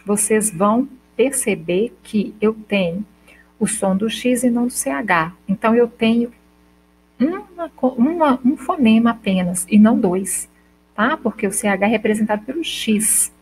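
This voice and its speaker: A woman teacher with a Brazilian accent explaining a lesson step by step, slowly sounding out example words and checking in with her students. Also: fairly high pitch, a little mellow, a little hiss or hum, low-quality recording. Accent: Brazilian Portuguese. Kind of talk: recorded school lesson.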